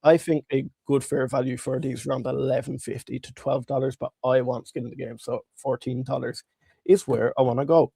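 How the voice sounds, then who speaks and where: A man's voice: mid-range voice, steady tone, brisk, gravelly, mellow, slightly rough, dry recording. A man with a congested, swollen-tonsils voice from a cold, hosting a casual live stock market stream and chatting informally to viewers. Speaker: livestream host.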